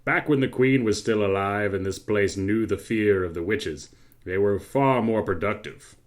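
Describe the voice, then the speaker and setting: A man's voice: on the low side, moderate pace, natural voice. A man voicing an arrogant, menacing villain king, delivering a pompous, commanding monologue. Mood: menacing, lecturing.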